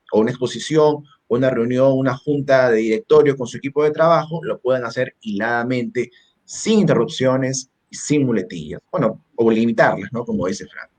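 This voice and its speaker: A man's voice: medium pitch, darkish tone. A man hosting a webinar who sums up and hands over to the guest with a question. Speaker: webinar host. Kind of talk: moderating a webinar.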